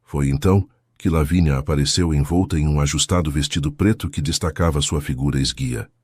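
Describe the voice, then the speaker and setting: A man narrating a scripted romance story in a measured, dramatic way. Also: very deep voice, darkish tone, slightly rough, dry recording, studio quality.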